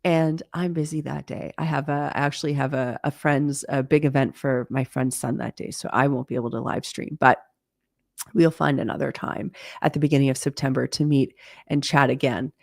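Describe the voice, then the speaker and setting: A woman's voice: very deep voice, fairly even intonation, normal speed, creaky, darkish tone, no room sound, clean studio sound. A woman in her forties hosting a live-stream Q&A, talking in a chatty, candid way with plenty of fillers. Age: 40s. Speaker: host.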